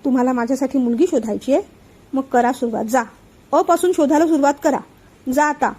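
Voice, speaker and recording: An irritated young man snaps back at his meddling family, as a woman storyteller reads his lines. The voice stays high and mellow, curt and exasperated, in a read-aloud family story. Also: brisk, slightly rough.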